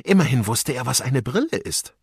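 A man's voice: mid-range voice, expressive, normal speed, breathy edge, dry recording, studio quality, pitched above the performer's own voice. A man voicing a clever, bespectacled young boy who explains his ideas eagerly in a raised voice. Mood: thoughtful.

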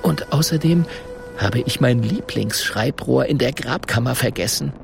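A man's voice: measured pace, vocal fry, over music. A man voicing a skittish, forgetful old-time scribe who talks in a raised, nervous voice. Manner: nervous, higher voice.

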